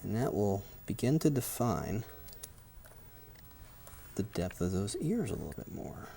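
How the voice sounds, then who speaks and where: A man presenting a software tutorial, giving brisk step-by-step instructions. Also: fairly low pitch, very animated, vocal fry, breathy edge.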